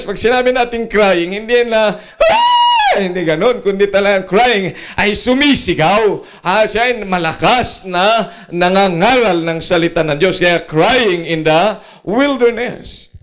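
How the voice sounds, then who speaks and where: High-voiced man preaching a sermon. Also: lo-fi sound. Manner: preaching with laughs and asides to the congregation; mixes English phrases into his talk. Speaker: pastor. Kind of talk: sermon at a prayer meeting.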